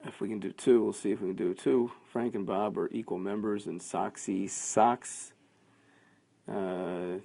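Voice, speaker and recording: A man teaching a class, working through quiz answers out loud in a conversational way. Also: fairly low pitch, steady tone, measured pace, creaky. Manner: thinking aloud, conversational, with fillers.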